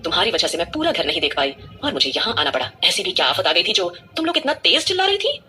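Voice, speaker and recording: A woman voicing a quick-witted young woman on a secret mission, talking fast with put-on annoyance in an audio drama. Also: on the low side, big pitch swings, pushed and bright, faint music behind. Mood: mock-angry. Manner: mock-annoyed, rapid talk.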